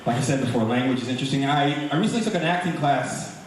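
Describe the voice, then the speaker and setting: A man's voice: mid-range voice, quick pace. A man from doing a chatty stand-up comedy set in a comedy club, teasing the crowd. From Brooklyn, New York. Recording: echoey live club recording from far off, crowd noise.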